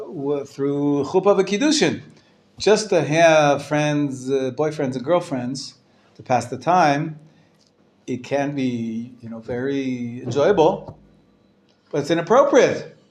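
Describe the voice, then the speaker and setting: A man's voice: mid-range voice, a little mellow. A man teaching a live class as a rabbi. He speaks informally and hesitantly, often restarting, asks and answers his own questions, and uses Hebrew religious terms. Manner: hesitant, halting delivery with frequent restarts.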